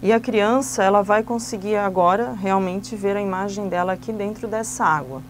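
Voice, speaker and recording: A woman's voice: mid-range voice, normal speed, a little hiss or hum. A woman explaining church classroom activities for children step by step, in a patient, instructive way. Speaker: Sunday school teacher trainer.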